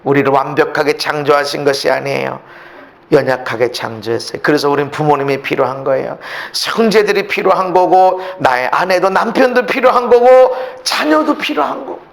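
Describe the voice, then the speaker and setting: A male pastor preaching a sermon in a church. He acts out the voices he quotes and climbs to shouting at his peaks. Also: sits high, gravelly. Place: church sanctuary.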